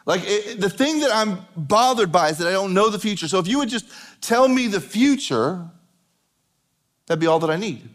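A man preaching a sermon, animated, acting out pleading prayers and dropping jokey asides. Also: high voice, moderate pace. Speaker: pastor.

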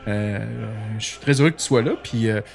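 A man with a Québécois French accent hosting a casual radio chat, animated and full of fillers. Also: fairly low pitch, fairly quick, soft background music. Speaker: podcast host.

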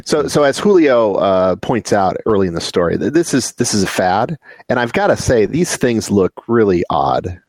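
Animated man in casual podcast chat. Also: lowish voice, normal speed, dry recording. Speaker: podcast co-host.

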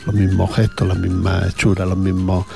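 This Andalusian-accented man talks like a radio host filling time between tracks: chatty, rambling, full of fillers and repeated words. His gravelly voice sits low and stays completely flat at a moderate pace while music runs in the background.

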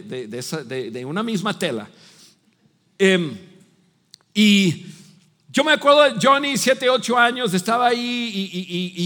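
A middle-aged man, a pastor preaching a sermon with animated storytelling, shouting and laughing as he acts out voices. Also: sits high. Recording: long reverb of a large hall.

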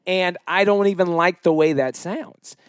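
A young adult man co-hosting a casual podcast, explaining himself in a measured, earnest way. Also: sits high, fairly even intonation, clean tone, dry recording, studio quality. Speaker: podcast co-host. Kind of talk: casual chat.

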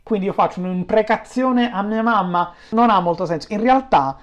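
A man's voice: high voice, normal speed, muffled recording. A man from Naples with a Neapolitan accent, explaining language in an informal interview, teaching through examples. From Naples, Italy.

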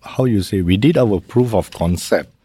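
A middle-aged man from Malaysia, speaking in a measured, conversational way as an interview guest and often tagging his sentences with "right?". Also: lowish voice, warm tone, husky, dry recording. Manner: measured, uses fillers like "how you say" and "right?". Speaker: guest, maritime safety executive.

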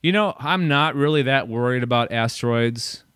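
Clear-voiced male podcast host. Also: medium pitch, a bit bright, dry recording, studio quality. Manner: self-deprecating, loose and halting. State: out of breath. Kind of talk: casual chat.

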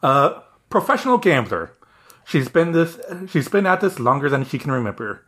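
Brief: male podcast host, animated and halting, pitching ideas to friends. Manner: animated, halting, with many fillers. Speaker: podcast host presenting his story idea. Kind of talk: casual chat.

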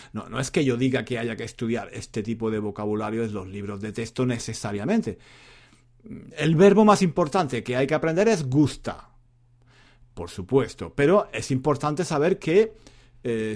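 A male Spanish teacher and podcaster gives a casual spoken lesson monologue at a moderate pace. He's relaxed and chatty, rambling and often repeating himself, circling back on his own words. His pitch rises and falls a lot, making it feel like an informal lesson.

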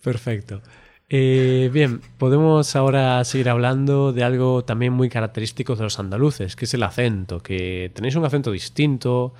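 A man hosts a relaxed podcast conversation. He talks in an explanatory way and keeps checking in with his co-host through little tag questions. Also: mid-range voice, normal speed. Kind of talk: casual podcast chat.

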